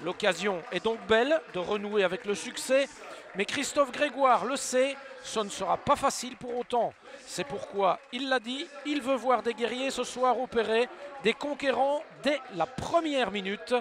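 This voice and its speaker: High-pitched man, excited football commentary. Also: moderate pace. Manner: swings from hushed build-up to loud exclamations.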